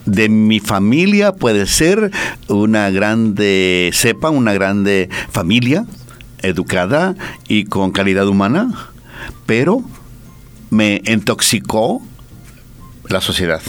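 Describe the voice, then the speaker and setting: A man's voice: fairly low pitch, very animated, slow pace, long pauses, clean tone, faint music behind. A male priest, a guest on a radio talk program, speaking in a reflective, lightly preachy way and often repeating his words.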